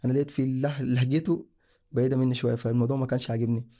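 A man's voice: medium pitch, level tone, racing, warm tone. A young man from Sudan, casually telling his own story in a rambling way, often correcting himself mid-sentence. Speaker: guest sharing a personal story.

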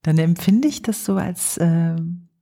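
A woman psychologist and coach hosting her podcast, talking gently and thoughtfully with pauses in a calm reflective monologue. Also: fairly low pitch. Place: home, early morning.

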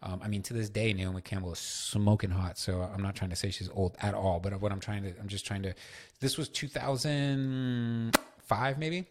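A man's voice: on the low side, level tone, normal speed. A man hosting a solo podcast, telling loose, profane stories with lots of fillers. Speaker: podcast host.

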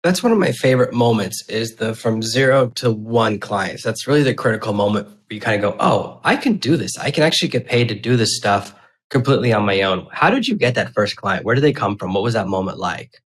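Male interviewer, slightly deep voice, talkative podcast host style with anecdotal, conversational delivery. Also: lively intonation, a little fast.

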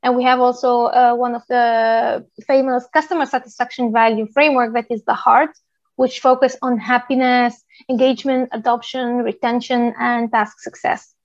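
A woman from Tunisia in her thirties gives a presentation on product work, pausing often with "uh" as she explains step by step. Her voice sits a little high. The recording is dry and slightly dull. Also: no echo. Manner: steady explanatory delivery with frequent "uh" pauses. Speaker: guest speaker, product manager. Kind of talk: presentation talk.

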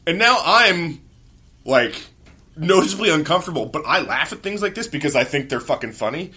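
A man hosts a podcast and tells casual comedy stories about his own awkward moments. His voice is bright and forward, and he swears freely in a wry, self-mocking way. He keeps the delivery loose and conversational. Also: on the high side, lively intonation, brisk, slightly rough. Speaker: podcast host.

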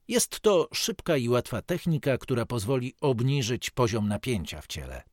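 A man narrating a scripted guided relaxation, giving measured instructions with pauses between phrases. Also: mid-range voice, dry recording, studio quality.

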